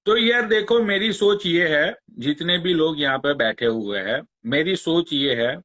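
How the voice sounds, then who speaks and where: A man, ranting on a phone live stream. He talks very slowly in a bright, fairly high voice and mocks his target with crude sarcasm. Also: lively intonation. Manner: slow, crude, mocking, sarcastic challenges. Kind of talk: angry rant on a live stream.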